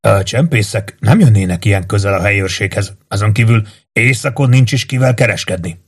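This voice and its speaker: A man's voice: fairly low pitch, slightly rough. A man voicing a practical, seasoned huntsman nobleman in an audiobook, speaking in a plain, matter-of-fact way.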